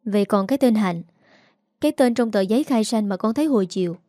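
A wounded young man with a Southern Vietnamese accent, earnest and pleading on the edge of tears, as a woman reading a story voices him. The sound is warm, mellow and dry. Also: medium pitch, expressive, quick pace, dry recording, close to an everyday voice. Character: young adult orphan son, hurt and pleading.

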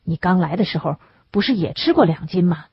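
A woman's voice: lowish voice, animated, brisk, husky, heavily acted. A woman voicing a worried male camp team leader who coaxes and reassures a sick friend. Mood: reassuring. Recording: dull lo-fi recording.

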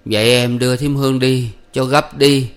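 Male narrator playing a gruff gang boss, growling and menacing, audiobook. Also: mid-range voice, fairly even intonation, moderate pace, voice pushed up, natural voice. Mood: weak, fading. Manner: gruff, growling, loud threats. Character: hot-tempered outlaw boss, gruff and menacing.

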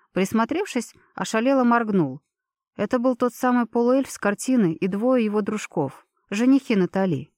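A woman reading a first-person novel aloud in an even, measured narration. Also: mid-range voice, no room sound, studio quality. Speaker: audiobook narrator. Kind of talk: scripted narration.

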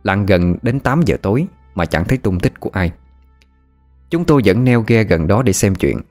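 Deep-voiced male ghost story narrator. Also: lively intonation, moderate pace, a little mellow, soft background music.

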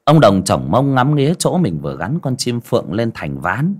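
A man narrating a folksy story in an expressive, vivid way. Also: mid-range voice, moderate pace, breathy edge.

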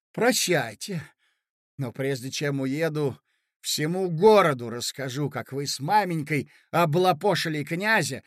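A hot-headed young gentleman, played by a male narrator bursts out in loud, raised indignation. He drags his words out slowly as he shouts. It is a dry, close audiobook reading. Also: on the high side, dry recording, exaggerated voice. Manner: shouting, indignant, drawn-out outbursts.

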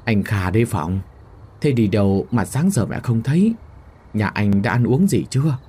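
A man's voice: on the low side, expressive, normal speed, warm tone, husky. A man voicing a frail, trembling old mother who pleads weakly with her son, in a storybook reading. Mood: weary. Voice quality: thin trembling old woman's voice. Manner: pleading, quavering. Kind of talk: storybook narration with voiced characters.

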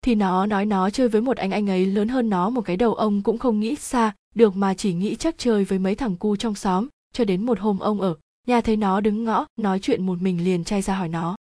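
A woman narrating a spooky village story in a steady, even storytelling tone. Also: medium pitch, brisk, few pauses, no echo, studio quality.

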